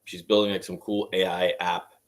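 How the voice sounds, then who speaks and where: A man's voice: deep voice, little pitch movement, normal speed. A man co-hosting a casual chat, laid-back, chiming in with short follow-up questions. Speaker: podcast co-host.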